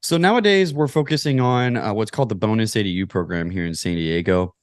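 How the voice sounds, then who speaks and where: A real estate investor from Kentucky, in the United States, is a guest on a podcast, answering interview questions in a methodical yet conversational way. His voice is lowish and a little fast, recorded with studio quality and no echo.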